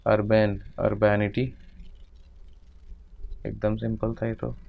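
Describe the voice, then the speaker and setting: Slow, gravelly man reading word lists. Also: fairly low pitch, monotone, narrow, tinny audio. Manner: mutters word lists slowly, half to himself, in Hindi and English. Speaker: English vocabulary teacher. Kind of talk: working through a vocabulary exercise aloud.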